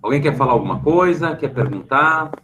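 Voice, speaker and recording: In an online class for middle schoolers, a Brazilian man with a slightly high, expressive voice explains things patiently in a Brazilian Portuguese accent. He checks in after nearly every phrase and uses a questioning tag to fill pauses. The background is noisy, and the sound comes through a computer mic on a video call.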